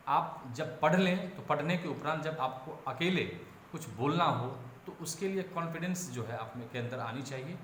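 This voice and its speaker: A man's voice: on the high side, fairly bright tone, slight background noise. A male education lecturer giving a lecture, explaining at length, repeating himself, correcting his own phrasing and stressing example words aloud. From India. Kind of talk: classroom-style lecture. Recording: roomy echo, faint ambience.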